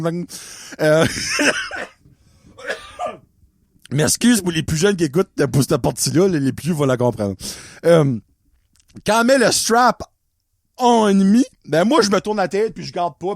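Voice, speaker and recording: A man with an Acadian French accent hosting a podcast and telling a story in a casual monologue. He is animated, laughs often and drops English words into his speech. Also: a little high, measured pace, vocal fry, pauses often, no room sound, clean studio sound. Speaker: podcast host.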